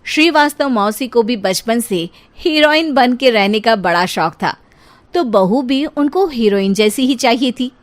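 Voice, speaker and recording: A woman's voice: a little high, expressive, unhurried. A woman narrating a light comic cartoon story in a playful, teasing way.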